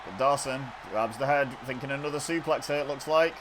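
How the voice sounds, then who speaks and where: A man commentating over game footage with quick, chatty play-by-play. He gets excitable at big moments and corrects himself as he goes. His pitch sits in an ordinary middle range. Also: background noise. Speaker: gaming video host.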